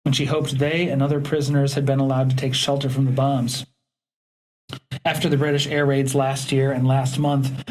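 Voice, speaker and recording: A man narrating a historical audiobook in a steady, measured reading. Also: medium pitch, a little hiss or hum, rough recording. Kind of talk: scripted narration.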